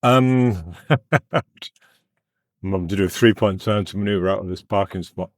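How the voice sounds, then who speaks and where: A man's voice: low voice, normal speed, no room sound, clean studio sound. British man, mouth numb from the dentist. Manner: rambling, candid asides. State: mouth numb from dental anesthetic, talking slightly funny. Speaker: YouTube vlogger. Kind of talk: casual car chat to camera. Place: inside a car. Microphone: phone in windscreen holder.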